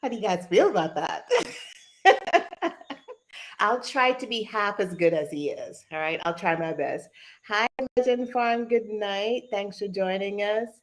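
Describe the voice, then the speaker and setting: A woman's voice: medium pitch, moderate pace. A woman hosting a casual live online session like a conference call host, chatting informally with the group. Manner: chatty, informal, addresses listeners as "you guys".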